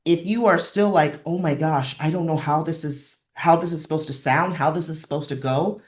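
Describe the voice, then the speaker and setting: A low-pitched woman's voice at normal speed carries an instructional webinar with examples. As presenter of a librarian training session, she sounds encouraging and repeats phrases for emphasis.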